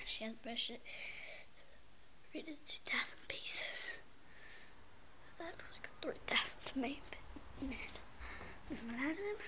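A woman giving a casual whispered tour of her home, rambling in a hushed voice on a handheld camera, moving from the rooms out into the yard. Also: a little high. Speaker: vlogger giving a house tour. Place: a home, indoors and then out in the yard. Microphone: handheld camera mic.

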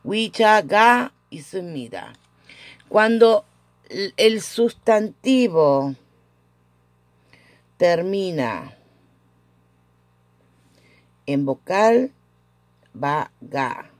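A woman teaching a casual language lesson at home, patiently repeating each example with frequent "eh" pauses. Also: fairly low pitch, big pitch swings, a little mellow, no room sound.

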